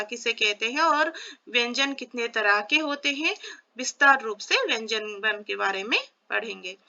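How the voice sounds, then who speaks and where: A woman teaching a lesson, sounding out each vowel slowly, asking questions and answering them herself, mixing in English words. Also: on the high side, creaky, bright, forceful tone, highs cut off. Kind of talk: classroom explanation.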